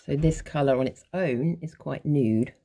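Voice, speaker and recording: A woman's voice: low-pitched, measured pace, vocal fry, mellow. A woman, a makeup artist, giving a casual makeup tutorial at home in a chatty, informal way while demonstrating as she goes. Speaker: makeup artist and beauty coach.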